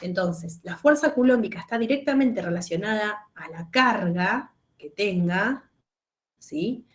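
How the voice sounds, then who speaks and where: A woman's voice: mid-range voice, expressive, unhurried. A woman teaching a chemistry lesson over a video call, explaining step by step and checking often that students follow. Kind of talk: online class lecture.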